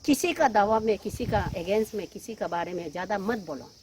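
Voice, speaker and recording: A woman from Arunachal Pradesh making an emotional public statement, pleading and reproachful, her voice rising sharply and then falling quiet. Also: medium pitch, a little fast, a little hiss or hum. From Arunachal Pradesh, India. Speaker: woman answering allegations on local news.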